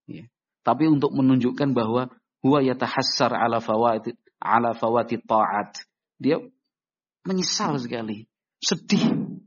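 A man preaching an Islamic sermon in an animated way, acting out short dialogues in a raised voice. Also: husky. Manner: animated, acts out little dialogues with raised pitch. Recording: dull lo-fi recording.

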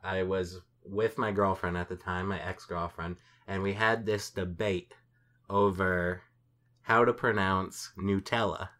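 A man's voice: low voice, steady tone, unhurried, fairly bright tone. A man in his mid-twenties, a podcast co-host rambling through a funny story in casual chat and laughing as he goes. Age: mid-20s. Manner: rambling, laughs while telling stories.

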